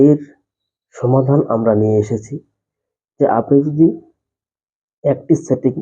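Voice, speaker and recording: A tech tutorial host with a mellow, mid-range voice narrates a step-by-step phone tutorial, addressing viewers directly and explaining things repetitively. The voice-over sounds muffled, dull, and lo-fi.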